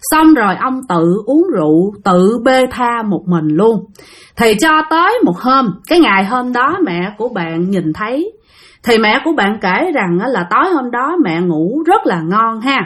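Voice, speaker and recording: A woman with a Southern Vietnamese accent narrates a ghost story to her listeners. Her voice sits a little high, and she talks in a loose, chatty way, often trailing her phrases with a drawn-out syllable. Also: very animated, fairly bright tone, slightly rough.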